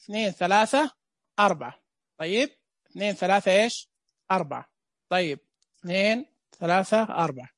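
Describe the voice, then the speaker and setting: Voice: mid-range voice, animated, a little fast, long pauses, dry recording, clean studio sound. A Braille teacher gives a casual live online lesson, joking with viewers and repeating dot counts.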